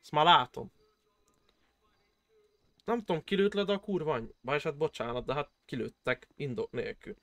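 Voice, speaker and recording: Rich: An excitable man streaming a live role-play game, loud and swearing constantly. His voice sits a bit high and bright, recorded dry and close with no room sound. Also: pauses often, no room sound.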